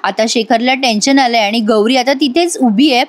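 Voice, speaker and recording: High-voiced chatty woman recapping a serial. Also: moderate pace. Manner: chatty, addresses viewers directly, reads out characters' lines. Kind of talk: casual voice-over episode recap.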